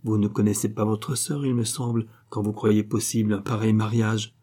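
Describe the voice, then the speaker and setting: A man voicing a proud young gentleman who speaks in heated, emphatic bursts, in a read-aloud novel. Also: on the low side, flat delivery, moderate pace, close to an everyday voice. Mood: indignant. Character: proud young gentleman, hot-tempered and indignant.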